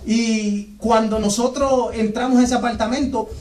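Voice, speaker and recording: High-voiced fervent evangelist man. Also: steady tone, moderate pace, a little mellow, far from the mic. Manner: fervent, storytelling, breaks into tongues. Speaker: evangelist preacher. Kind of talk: radio sermon testimony. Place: radio station studio. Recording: echoey room, voice off-mic.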